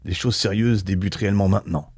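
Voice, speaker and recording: A man giving a calm voice-over narration of a festival day. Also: deep voice, fast talker, noisy background.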